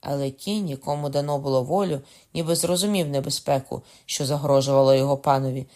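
Man narrating a novel, steady delivery. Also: mid-range voice. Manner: steady, measured storytelling. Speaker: audiobook narrator. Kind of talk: literary audiobook narration.

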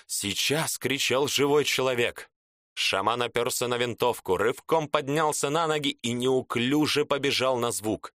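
A man's voice: mid-range voice, unhurried, fairly bright tone, no room sound. A man giving dramatic storybook narration on a close studio mic.

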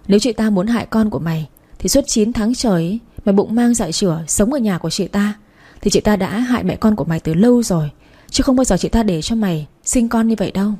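A woman's voice: mid-range voice, dark tone, husky, natural voice. A woman voicing a frank female friend who reasons bluntly with the angry mother.

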